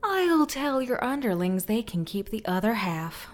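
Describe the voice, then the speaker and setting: A woman voicing a calm, cold female ghost-hunter who speaks quietly and measured, half in a whisper. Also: on the high side, faint music behind, voice pushed up.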